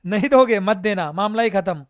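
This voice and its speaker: His voice sits high, recorded dry with clean studio sound. In a live online exam-prep class, he quizzes students, praises them by name, and mixes in funny stories with a humorous storytelling manner.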